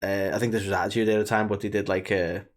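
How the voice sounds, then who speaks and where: Guy from the uk co-hosting a podcast, lowish voice, rambly and chatty. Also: little pitch movement, fast talker. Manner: chatty, rambling, lots of fillers. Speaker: podcast co-host. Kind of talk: casual chat.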